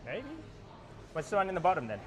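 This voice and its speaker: Male family vlogger, middle-aged, casual, voice raised above a very loud crowd. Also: on the high side, big pitch swings, fast, dull audio. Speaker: parent filming a family outing. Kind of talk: casual vlog chat with a child. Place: busy factory visitor centre, indoors. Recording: loud busy crowd noise behind.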